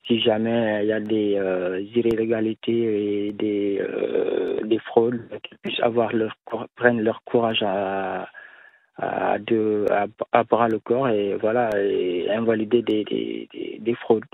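A man with a lowish voice leaves a slow answering machine message, full of hesitations, over a tinny, dry phone line. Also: steady tone, gravelly, dry recording. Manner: halting, many hesitations. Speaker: caller leaving a voicemail. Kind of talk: recorded voicemail.

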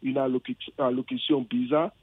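A man's voice: medium pitch, little pitch movement, moderate pace, breathy edge, no echo. Man phoning in to radio, from England, hesitant and searching for words, tinny phone-line sound, dry. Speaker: caller. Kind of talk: phone-in conversation. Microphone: telephone.

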